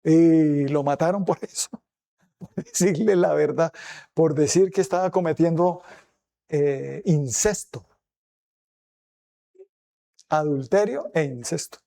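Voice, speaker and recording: A male pastor delivering a sermon in a high, gravelly voice with a dark, mellow tone. He keeps asking his congregation rhetorical questions. He also acts out quoted remarks in a changed voice.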